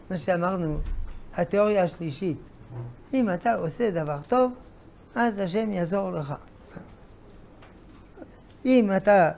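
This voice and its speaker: A man's voice: high voice, darkish tone, a little hiss or hum. An older man, a rabbi, giving an emphatic Torah lesson, repeating key phrases and asking rhetorical questions.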